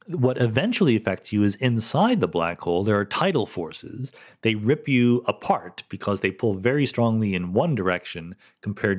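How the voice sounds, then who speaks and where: A middle-aged man with a lowish voice hosts a solo podcast answering listener questions. He explains science thoughtfully and conversationally, often checking in with "right?" and "okay?".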